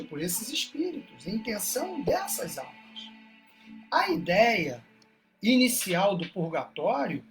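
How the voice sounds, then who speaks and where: A woman with a Brazilian Portuguese accent giving an explanatory talk to a spiritist study group over a livestream, asking many rhetorical questions and checking in with "né?". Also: fairly high pitch. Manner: asks rhetorical questions, frequent "né?". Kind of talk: explanatory talk on a religious text. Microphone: online livestream.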